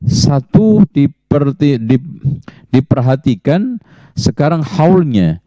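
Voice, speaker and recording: A man answering religious questions as a teacher, in a measured, explanatory way that cites Arabic sayings. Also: fairly high pitch, warm tone, dry recording. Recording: muffled lo-fi audio.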